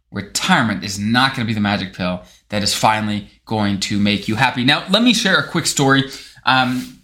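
A man's voice: medium pitch, sharp tone. A man hosting his channel as a financial planner, telling a story in casual talk to camera, with restarts.

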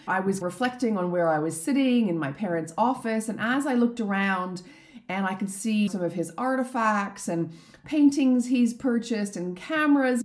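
A middle-aged woman from Canada hosts her own reflective podcast alone. Her voice is slightly croaky from a lingering throat infection. She speaks in an earnest, heartfelt way. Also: mid-range voice, a little mellow. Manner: earnest, heartfelt, openly emotional. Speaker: business and life coach, podcast host. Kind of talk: reflective solo podcast monologue.

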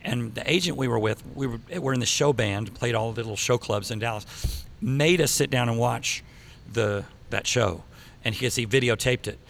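A man's voice: mid-range voice, normal speed, fairly bright tone. A middle-aged man hosting a casual, chatty interview in an echoey room. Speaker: podcast host. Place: echoey hockey arena conference room. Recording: echoey room, clear background noise.

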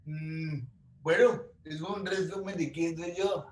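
A man's voice: a little high, steady tone, takes it slowly, far from the mic, slight background noise. A man who is a guest in an interview, telling his life story earnestly, repeating words and restarting his phrases. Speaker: guest, lawyer and social communicator. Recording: roomy echo, voice from off-mic.

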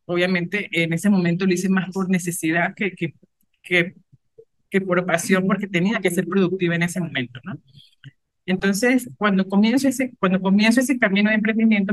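A Venezuelan-accented woman answers as an interview guest. Her voice sits low for a woman, and she explains in a conversational, halting way with repeated words. The sound is dry. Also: no room sound. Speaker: podcast guest, entrepreneur.

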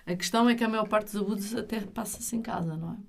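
A woman's voice: mid-range voice, fast talker, gravelly. A middle-aged woman with a European Portuguese accent, speaking as an interview guest in an earnest, emphatic, explanatory way. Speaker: interview guest, retreat leader.

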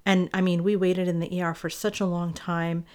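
A woman's voice: on the low side, flat delivery, normal speed, a little mellow. A young adult woman and mother, speaking in an earnest, reflective way, with many fillers and restarts. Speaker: parent sharing a personal story. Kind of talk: heartfelt personal monologue.

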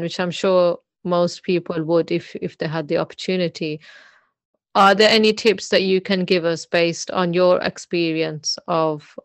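A woman's voice: fairly low pitch, smooth, no room sound. A woman, hosting a casual chat and encouraging her guest with frequent listening cues. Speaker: host.

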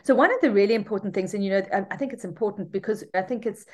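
A middle-aged woman, a mother of three, co-hosting a casual podcast in an animated, reflective way that often repeats words. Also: medium pitch, very fast. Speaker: podcast co-host.

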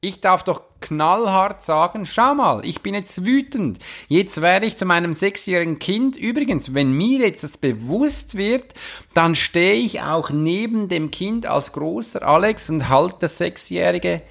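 A man delivers an earnest coaching talk straight to the listener, his voice slightly raised and gravelly. He often breaks off and restarts his sentences as he explains. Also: high voice, animated, a little slow, fairly bright tone. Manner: earnest, addresses listener directly, frequent restarts. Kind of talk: podcast coaching monologue.

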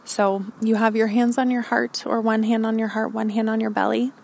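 A woman podcast host leading a calm grounding meditation, giving gentle, encouraging instructions. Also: fairly high pitch, normal speed, creaky.

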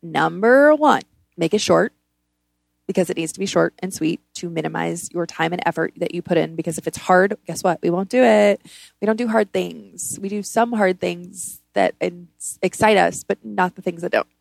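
A woman's voice: fairly low pitch, moderate pace, vocal fry, no echo. A woman hosting a casual motivational self-help podcast, speaking informally and bluntly, with emphatic repetition of words. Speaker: podcast host.

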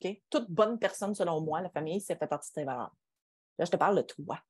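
A woman's voice: lowish voice, animated, fast talker, a little mellow, slightly rough, no echo, studio quality. A woman with a Quebec French accent, talking casually on a podcast in an emphatic, colloquial way with rhetorical questions. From Quebec, Canada.

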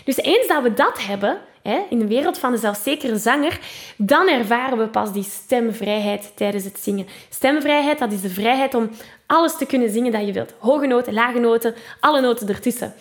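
Woman, Flemish accent, singing teacher, fairly high voice, patient explaining, sung demos. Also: a little fast. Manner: explains patiently, with frequent "hè" tags and sung vocal examples. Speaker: singing teacher and podcast host. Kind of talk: spoken vocal lesson with sung demonstrations.

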